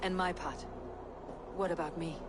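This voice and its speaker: A woman's voice: lowish voice, steady tone, unhurried, noisy background, close to an everyday voice. An actress playing a proud, defiant female god in a video game, speaking with the solemn grandeur of a cosmic entity. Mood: demanding. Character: proud defiant female god, High One, facing prophesied doom. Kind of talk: dramatic video game acting. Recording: music behind the voice.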